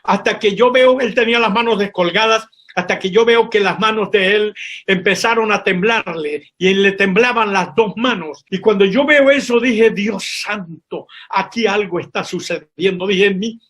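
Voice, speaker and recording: A man's voice: high-pitched, moderate pace, fairly bright tone. A man, a pastor and missionary, tells his testimony as a sermon, speaking to his brothers in faith and repeating words for emphasis. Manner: vivid storytelling, addresses listeners as brothers. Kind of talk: preaching a personal testimony.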